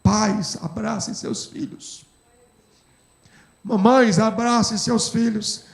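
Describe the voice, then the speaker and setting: A man's voice: sits high, fairly even intonation, slow, creaky. A man with a Brazilian accent preaching a sermon as pastor, telling an emotional story with emphasis. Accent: Brazilian Portuguese. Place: church. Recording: echoey church hall.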